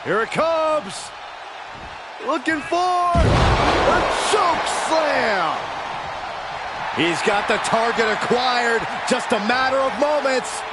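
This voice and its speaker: A man playing an excitable wrestling commentator in a video game, calling moves in emphatic shouts over loud noise. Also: very high voice, slow, long pauses, heavily acted. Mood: excited, urgent. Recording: loud arena crowd and impact noise.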